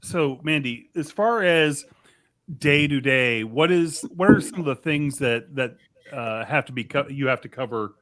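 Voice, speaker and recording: A man interviewing convention staff, asking rambling questions with many pauses and restarts. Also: mid-range voice, fairly bright tone. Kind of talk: casual interview chat.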